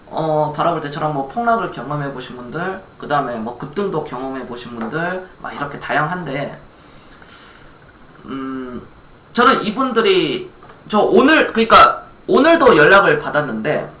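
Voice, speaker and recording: A man from Gwangju chats casually on a live stock-investing stream and reads viewer chat aloud. His voice bounces up and down with a bright, forceful edge. The room rings with noticeable echo. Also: a little high, lively intonation, normal speed, a little hiss or hum. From Gwangju, South Korea.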